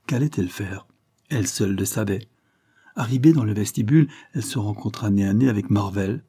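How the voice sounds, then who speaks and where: A man narrating a novel in a measured, even storytelling manner. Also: on the low side, husky. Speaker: audiobook narrator.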